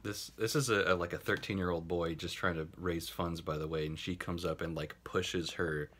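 A man's voice: deep voice, fairly even intonation, normal speed, noisy background. A man making a casual commentary video, talking sarcastically with swearing and laughing asides. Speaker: YouTube commentator.

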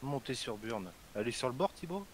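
A man cracking jokes and teasing his friends as they play together over voice chat. His voice sits at an ordinary middle pitch, with a light hiss on the line. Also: sing-song, a little fast, rough recording. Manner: joking, teasing, chatty. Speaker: gamer commentating. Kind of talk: casual group chat over voice call.

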